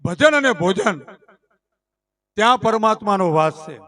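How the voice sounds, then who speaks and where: A man's voice: high voice, lively intonation, a little slow, a bit bright. A man from Gujarat, telling folk jokes live at a village devotional gathering, stretching out each punchline and acting out the villagers he quotes. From Gujarat, India. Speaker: folk storyteller and emcee. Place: village gathering under a canopy.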